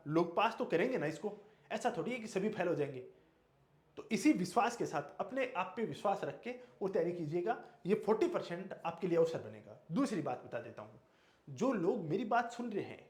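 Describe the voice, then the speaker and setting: Emphatic high-voiced teacher. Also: male voice, reverberant. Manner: emphatic, repeats key words, asks and answers own questions. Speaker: exam coaching teacher. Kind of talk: motivational exam lecture.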